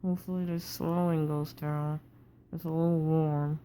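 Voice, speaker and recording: A woman recording a casual video diary after jaw surgery, talking with effort through a wired-shut jaw, muffled and halting, sounding tired and sore. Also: deep voice, little pitch movement, warm tone, slight background noise. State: tired, sore with swollen cheek. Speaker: patient recovering from jaw surgery.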